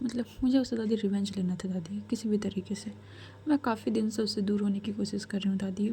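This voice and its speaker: A proud young woman of twenty-two, hushed and tearful, pleading in half-whispered lines, as a woman reads her in a story. The voice is mellow and low-key. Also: slight background noise, lightly acted. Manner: pleading, hushed, repeating "dadi".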